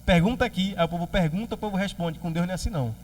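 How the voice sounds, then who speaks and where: A man with a Brazilian Portuguese accent preaching a sermon as pastor, lively and joking, acting out quoted voices. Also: high-pitched, racing, far from the mic.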